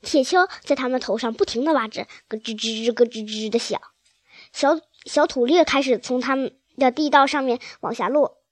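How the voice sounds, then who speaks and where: High-voiced woman reading a children's story. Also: moderate pace, no echo. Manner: reads with occasional slips and restarts.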